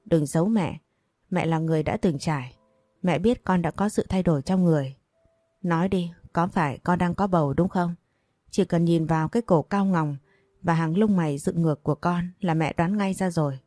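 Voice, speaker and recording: A woman's voice: on the low side, normal speed, dark tone, dry recording, clean studio sound, lightly acted. A woman voicing a worried, stern but loving mother who presses her daughter with urgent questions. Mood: worried, pressing.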